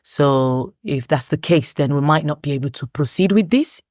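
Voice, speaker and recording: A woman's voice: deep voice, moderate pace, a little mellow, dry recording, clean studio sound. A woman caterer, a guest on a chat show, speaking firmly and plainly about how she runs her business. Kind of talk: casual interview chat.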